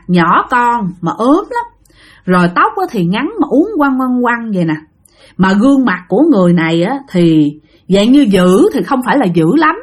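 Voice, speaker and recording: A woman with a Southern Vietnamese accent telling a ghost story in a lively, dramatic way, speaking straight to her listeners. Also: a little high.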